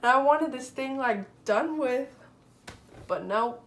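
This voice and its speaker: A young woman telling a personal story on her vlog in an animated, exasperated way, full of fillers. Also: high-pitched, slow, a little hiss or hum. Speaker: vlogger.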